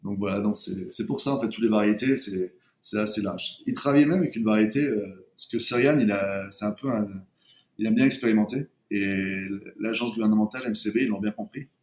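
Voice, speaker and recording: A man's voice: fairly low pitch, a little fast, darkish tone. A man, co-founder of a chocolate brand, talking casually as a guest in an interview, hesitant and full of restarts. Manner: hesitant, many restarts and fillers.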